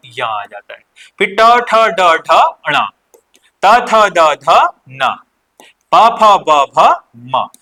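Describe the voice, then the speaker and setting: A man's voice: high-pitched, sharp tone. A young adult man teaching an exam-prep lesson, addressing students as children and answering his own questions.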